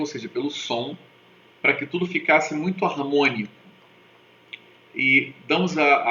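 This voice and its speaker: A man teaching a lesson in a very bright, forceful voice, checking in with his viewers after nearly every point. He spells out sounds and asks them to repeat along. The recording is dull and lo-fi, with a roomy echo and a faint hiss. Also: mid-range voice. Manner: didactic, keeps checking in with "tá?" and "né?". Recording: echoey, dull lo-fi room recording with faint noise.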